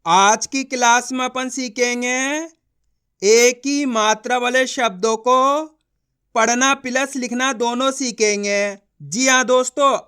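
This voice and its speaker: Man slowly sounding out syllables. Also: extremely high pitch, bright, forceful tone, smooth. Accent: Hindi. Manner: drawn-out, stressed syllables when sounding out words; repeats rhetorical questions to the viewer. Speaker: Hindi reading teacher. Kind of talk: step-by-step reading lesson.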